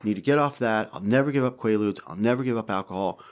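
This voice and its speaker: Animated low-voiced man telling stories. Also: fast, clean tone. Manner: animated storyteller, acts out quotes, frequent swearing. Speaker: podcast guest. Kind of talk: casual storytelling interview.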